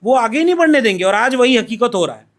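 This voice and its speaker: Man, high-pitched, podcast guest, measured, explanatory, makes numbered points. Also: expressive. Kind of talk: political discussion.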